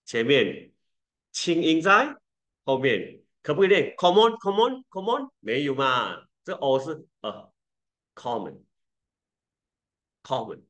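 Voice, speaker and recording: A man's voice: medium pitch, sing-song, a little slow, a bit bright. A man teaching an English lesson in a playful way, switching between languages and repeating words for learners to copy.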